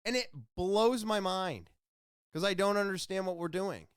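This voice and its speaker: A man hosting his own podcast, delivering an impassioned solo opinion monologue that swings between ranting and quiet somber talk. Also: sits high, unhurried, smooth, dry recording, studio quality. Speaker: podcast host.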